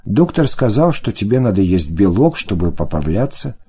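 A man's voice: lowish voice, sing-song, moderate pace, mellow, husky, exaggerated voice. A man voicing a hypocritical husband who talks in an ingratiating, whining way in an audiobook. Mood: fawning.

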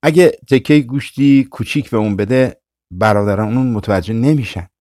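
A man voicing a hungry old beggar, soft and pleading. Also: medium pitch, dry recording, studio quality, natural voice. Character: old hungry poor stranger, gentle and pleading.

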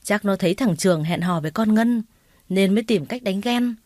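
A woman's voice: medium pitch, normal speed, no room sound, lightly acted. A woman voicing a domineering older woman who scolds and insults a young teacher, in a dry recording. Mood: scornful. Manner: scolding, contemptuous, shouting orders.

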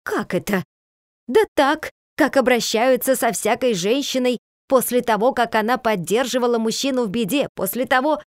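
Brief: woman reading as an agitated peasant wife, higher and louder, pleading and reproachful, dry sound. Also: lively intonation, moderate pace, no echo, natural voice. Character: fretful, outspoken peasant wife, emotional.

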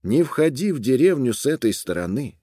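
A man's voice: mid-range voice, very animated, normal speed, mellow, breathy edge, no echo, studio quality, pitched above the performer's own voice. A man voicing a young girl drawing water who gives friendly advice. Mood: advising. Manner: friendly, advising.

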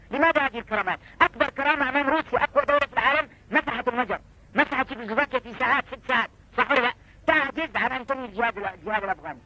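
A man's voice: very high-pitched, sharp tone, no echo, poor audio. A man preaching fervently to an audience, pressing them with rhetorical questions.

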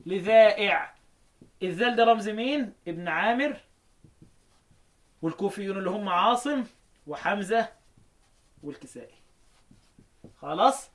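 An expressive man with a high, slightly bright voice and an Egyptian Arabic accent leads a lesson on recitation readings. He asks questions, answers them himself, and chants the verses slowly.

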